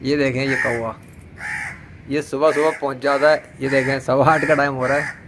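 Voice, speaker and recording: A man's voice: mid-range voice, moderate pace. A man filming a crow outdoors on his phone, chatting playfully and coaxing the bird as he talks to viewers. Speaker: vlogger. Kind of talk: casual vlog, talking to a crow. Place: outdoors near a perched crow, after drizzle. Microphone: phone camera. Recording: outdoor phone recording, steady background noise.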